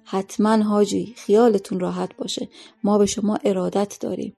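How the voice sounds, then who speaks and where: A woman's voice: mid-range voice, flat delivery, creaky, dark tone, soft background music. A woman voicing a stern, ill-tempered male school vice-principal who lectures, in a story reading. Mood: businesslike.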